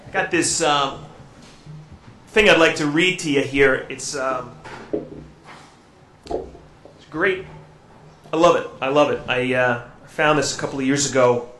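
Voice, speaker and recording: Priest preaching in cathedral echo. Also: male voice, medium pitch, a little hiss or hum. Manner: gentle and reflective, with halting fillers in his own words. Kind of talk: Gospel reading and homily at Mass. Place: church during Mass. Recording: echoey church room.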